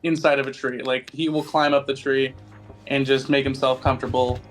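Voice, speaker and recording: A man playing a tabletop game, talking fast and excitedly with many restarts. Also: medium pitch, faint music behind. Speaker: player. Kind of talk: casual tabletop play.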